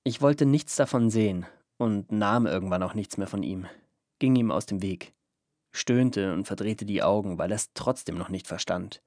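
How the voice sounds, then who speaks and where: A man narrating a first-person story in a calm, even storytelling manner. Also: fairly low pitch, moderate pace, dry recording, clean studio sound. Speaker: audiobook narrator.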